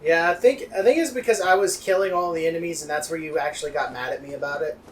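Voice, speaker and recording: Male co-commentator, sarcastic and teasing, notably high voice, faint background noise. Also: fast talker. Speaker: let's play co-commentator. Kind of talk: casual gaming commentary.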